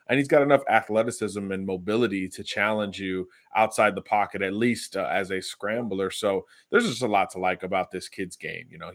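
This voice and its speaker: A man's voice: fairly low pitch, a bit bright, no room sound, studio quality. A man who is a recruiting analyst, answering interview questions in a confident, analytical way with frequent "uh" fillers. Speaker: football recruiting analyst guest.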